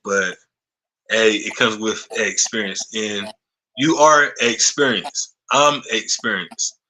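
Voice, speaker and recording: A man in his thirties hosting a podcast interview, talking casually and haltingly, often repeating words and saying "you know what I'm saying.". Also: on the low side, steady tone, bright, forceful tone, a little hiss or hum, low-quality recording. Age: 30s. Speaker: podcast host.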